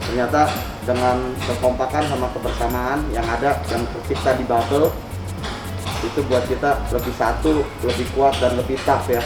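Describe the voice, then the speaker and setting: A man's voice: mid-range voice, fairly even intonation, moderate pace. A man with an Indonesian accent, a coach answering interview questions casually in short, informal phrases. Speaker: basketball coach, interview guest. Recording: roomy, distant mic, music behind.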